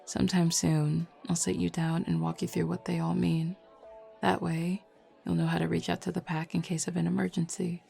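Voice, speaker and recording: This roleplay audio drama features a woman as a flirty, assured werewolf pack beta who talks to the listener in a casual, teasing manner. She speaks at a moderate pace in a fairly low, mellow voice with vocal fry and a flat delivery, calm and explanatory, backed by lo-fi music.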